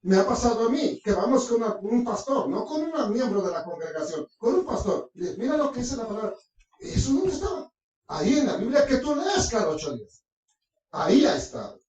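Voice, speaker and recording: A preacher delivers a sermon with a prayer, pitch leaping up and down through one pointed question after another. The voice is far from the mic, in a room with heavy, booming echo. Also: very animated, brisk, a little mellow, muffled recording. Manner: asks the congregation rhetorical questions, swinging pitch widely. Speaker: preacher teaching scripture.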